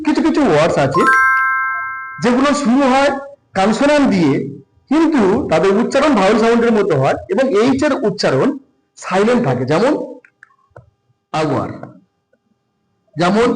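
A man teaching a grammar lesson, reading English rules slowly and then explaining them with rising emphasis. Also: high-pitched, sing-song, faint music behind. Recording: echoey room.

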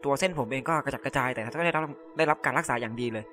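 A man's voice: medium pitch, rapid-fire, sharp tone, soft background music. A man giving casual let's-play commentary. He reads in-game messages aloud and translates them on the fly, in loose, filler-heavy talk full of polite particles. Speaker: gamer translating game text.

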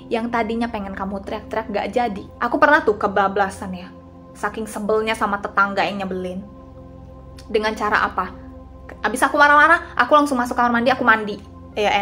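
A woman's voice: mid-range voice, fairly bright tone. A young woman in her twenties giving casual, confiding advice straight to her viewers, like a vlogger chatting about feelings. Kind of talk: casual talking-head advice.

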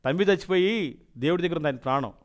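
A man's voice: fairly high pitch, expressive, fast talker, natural voice. A man voicing a huge male demon, a fallen angel who speaks in threatening declarations. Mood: menacing.

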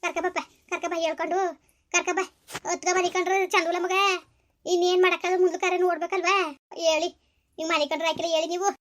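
A woman's voice: very high-pitched, flat delivery, fast. A woman playing a grieving mother-in-law in a village skit, scolding and pleading with repeated questions. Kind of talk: village comedy skit acting.

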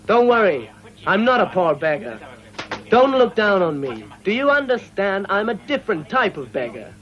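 An actor playing a cheerful old beggar fortune-teller in a dubbed martial arts film, boastful and persuasive like a street hawker. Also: male voice, sits high, big pitch swings, normal speed, fairly bright tone. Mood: boastful, persuading. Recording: muffled old film dub with music.

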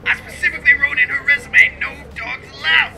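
A man talking over a phone speakerphone, joking and teasing in a deadpan way. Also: extremely high pitch, a little fast, creaky, heavy background noise. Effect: heard over a phone speakerphone. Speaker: boyfriend on the phone. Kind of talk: casual phone banter.

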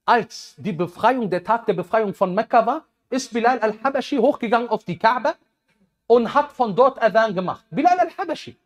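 A man in his thirties giving a lively sermon on a headset mic, swinging between loud bursts and quiet asides. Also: extremely high pitch, moderate pace. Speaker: preacher.

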